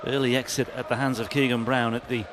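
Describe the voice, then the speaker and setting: A man's voice: medium pitch, little pitch movement, quick pace. A man giving live darts commentary as the lead commentator. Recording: clear venue noise behind the commentary.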